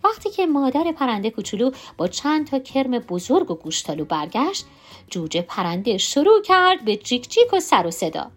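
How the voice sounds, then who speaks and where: A woman narrating a children's storybook aloud in an expressive, animated way. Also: on the high side, faint music behind.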